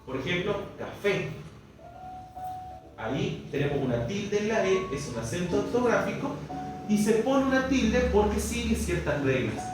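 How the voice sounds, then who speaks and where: The Argentine-accented teacher, fairly high in pitch, is recorded from a distance in a very echoey space with poor audio. He guides the class step by step through the language lesson, regularly asking whether everyone follows.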